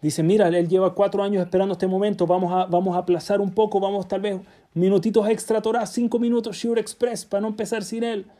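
A man telling a religious story as a sermon, acting out the characters' dialogue in an animated way. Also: high-pitched, fast talker.

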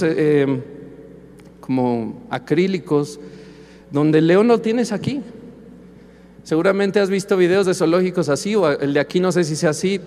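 A male preacher giving a sermon in a slow, emphatic style that rises to impassioned shouts. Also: sits high. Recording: long hall reverb, faint music.

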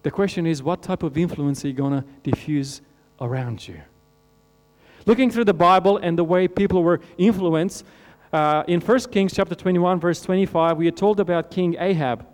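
A pastor from Romania delivers his sermon at normal speed, asking heartfelt rhetorical questions while his voice softens and lowers at the end of phrases. There's a long hall reverb with an underlying mains hum.

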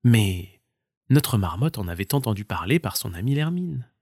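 A man narrating a children's bedtime story in a gentle, expressive and measured way. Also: fairly low pitch, dry recording, clean studio sound.

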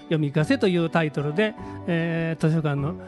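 A man with a Kansai accent, a radio guest talking about picture books in a relaxed, playful way. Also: fairly high pitch, a little fast, faint music behind. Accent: Kansai Japanese. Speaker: reading advisor guest. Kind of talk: radio talk show chat.

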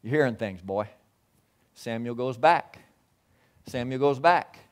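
A man in his sixties preaching a sermon, telling Bible stories, acting out the voices and rising loud at the high points. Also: unhurried, clean tone. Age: 60s. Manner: storytelling preacher who acts out voices and swells loud at climaxes. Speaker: pastor.

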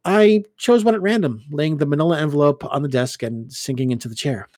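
A man reading first-person fiction aloud, with expressive storytelling as an audiobook reader. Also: fairly high pitch, fairly quick, no room sound, clean studio sound.

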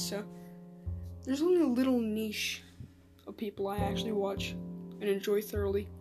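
Recorded in a small home bathroom, a podcast host with a slightly high voice rambles through a casual, self-deprecating solo episode.

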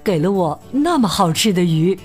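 A woman's voice: fairly low pitch, expressive, normal speed, a little mellow, faint music behind, voice pushed down, natural voice. A woman voicing a shy, polite, noble blue tomcat in a storybook.

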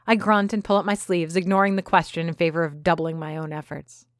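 A woman's voice: on the low side, little pitch movement, a little fast, no room sound, clean studio sound. A woman reading a first-person story aloud with wry, sarcastic asides. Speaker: audiobook narrator. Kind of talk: first-person scripted narration.

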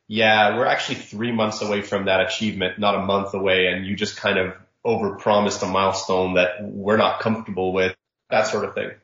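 A man who was born in Saudi Arabia, giving reflective, measured interview answers as a startup founder. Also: lowish voice, a bit bright. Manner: reflective, measured, sprinkles religious phrases. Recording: roomy, dull lo-fi audio.

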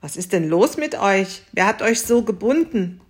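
A calm, self-assured young man from a storybook tale speaks in an even, reassuring tone, voiced by a woman in a storyteller's voice. He never hurries and sounds kindly in charge. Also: mid-range voice, normal speed, close to an everyday voice.

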